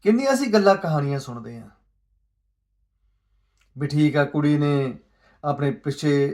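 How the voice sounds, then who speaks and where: A man delivers an earnest, pleading monologue of social commentary, posing rhetorical questions and shifting from soft asides to raised emphasis. His voice runs high and expressive, with a slightly slow pace.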